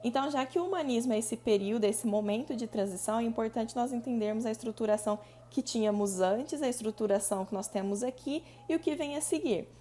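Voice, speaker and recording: A woman with a Brazilian Portuguese accent giving a recorded class, her voice sitting a little high. She explains step by step, restarting phrases and stretching out syllables as she counts them aloud. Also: mellow, a little hiss or hum. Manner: explanatory, repeats points, drawn-out syllable counting. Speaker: teacher. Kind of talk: recorded online lesson.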